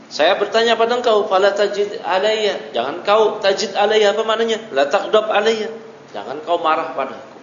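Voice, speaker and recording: A man's voice: high voice, expressive, moderate pace, slight background noise. A male religious teacher giving a classroom lecture, reading a line from a text and then explaining it, checking in with his listeners as he goes. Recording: dull lo-fi recording in an echoey hall.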